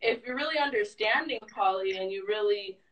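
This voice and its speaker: A woman's voice: medium pitch, brisk, recorded from a distance, highs cut off, a little hiss or hum. A woman, a guest in a casual interview, explaining her views thoughtfully and at length. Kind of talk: casual conversation.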